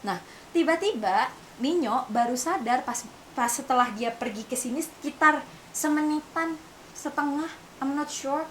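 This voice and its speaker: Young indonesian woman, kinda high voice, animated casual story to camera, little hiss in the background. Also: measured pace. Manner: mixes in English phrases, refers to herself by name, animated retelling. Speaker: vlogger. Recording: faint hiss.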